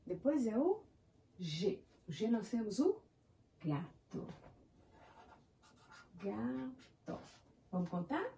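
Slow, lively-voiced Brazilian woman teacher. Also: a little high, vocal fry, distant mic, a little hiss or hum. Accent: Brazilian Portuguese. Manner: encouraging, spells words out in syllables. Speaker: primary school teacher. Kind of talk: slow, syllable-by-syllable lesson for young children.

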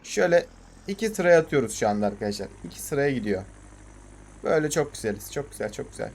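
A young Turkish man commenting on his farming game in a casual, excitable way, swearing and urging his tractor on. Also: medium pitch, fast, a little hiss or hum. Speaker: gaming channel host.

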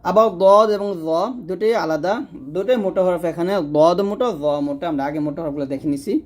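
The speaker, a Quran recitation teacher, patiently guides a learner through letter sounds step by step. His voice is a touch high for a man, and he voices each sound slowly, repeating it for imitation.

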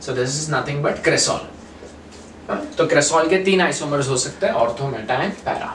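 A man's voice: fairly high pitch, slow, a bit bright. A man teaching chemistry at a whiteboard, quizzing his students and mixing English terms into his talk. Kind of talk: whiteboard lecture. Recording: echoey room, far from mic, faint noise.

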